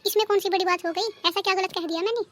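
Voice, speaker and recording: A woman's voice: extremely high pitch, fairly even intonation, rapid-fire, slight background noise. A woman voicing a scolding cartoon mother-in-law. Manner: scolding, sharp-tongued. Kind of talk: cartoon dubbing.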